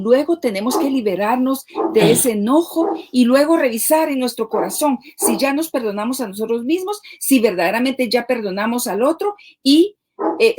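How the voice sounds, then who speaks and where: A woman co-hosting a live-streamed marriage talk, speaking conversationally and often checking in with rhetorical asides. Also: fairly high pitch. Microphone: live stream microphone.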